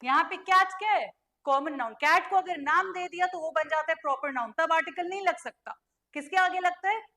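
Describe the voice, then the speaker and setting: Bright, high-voiced woman teaching grammar. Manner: asks students questions and answers them herself; spells letters out slowly. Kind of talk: online grammar lesson.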